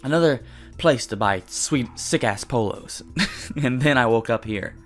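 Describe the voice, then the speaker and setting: A man's voice: medium pitch, lively intonation, a little slow, faint music behind. Give me a young guy hosting a let's play, reading game text aloud and cracking self-deprecating jokes. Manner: jokey, self-deprecating, swears casually. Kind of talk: reading a visual novel aloud with casual commentary.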